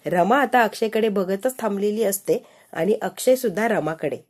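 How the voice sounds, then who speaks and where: A woman's voice: mid-range voice, normal speed, darkish tone. A woman narrating a recap of a TV serial episode in a casual storytelling way, retelling scenes in the present tense and reading out each character's lines.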